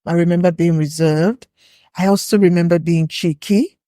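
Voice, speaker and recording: Low-voiced Nigerian woman recalling memories. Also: steady tone, normal speed, mellow, dry recording, clean studio sound. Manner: reflective, recalling memories at an easy pace. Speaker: podcast guest, entrepreneur. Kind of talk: casual interview chat.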